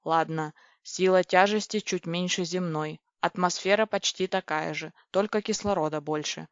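A woman's voice: on the low side, fairly even intonation, normal speed, no room sound, lightly acted. A woman reading a storybook voices a male ship computer that is curt, dry and grumbling. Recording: dry, dull lo-fi recording.

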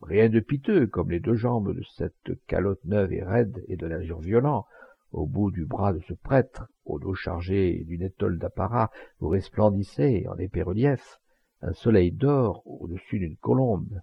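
A man's voice: deep voice, measured pace, vocal fry, breathy edge, dry recording, muffled recording. A man reading a classic novel aloud as an audiobook, narrating expressively. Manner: expressive storytelling. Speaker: audiobook reader. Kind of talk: scripted narration.

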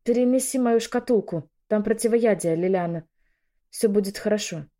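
A woman's voice: mid-range voice, moderate pace, mellow, pitched above the performer's own voice, natural voice. A woman voicing an older noblewoman who urgently gives orders and soothes a young woman in labor. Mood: urgent, soothing. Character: older noblewoman, caring and commanding.

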